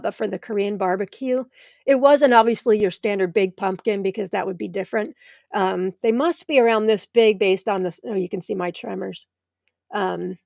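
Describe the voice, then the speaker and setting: A middle-aged American woman from the United States hosts a live tomato show streamed from home, chatting and answering viewers by name as she reads their comments. Her mid-range voice is creaky and darkish, in a dry, studio-quality recording.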